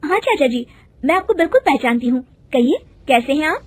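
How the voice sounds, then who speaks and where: Polite young wife, woman voicing her, hesitant, quick talk. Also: high-pitched, expressive, no echo, pitched above the performer's own voice.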